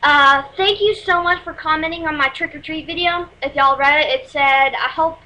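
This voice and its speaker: A teenage girl from Texas, speaking with a Texas accent, reviews music casually on her webcam's built-in mic in a small room at home. Her high voice is pushed and bright at normal speed, and the recording quality is low. She rambles and apologizes, using many fillers.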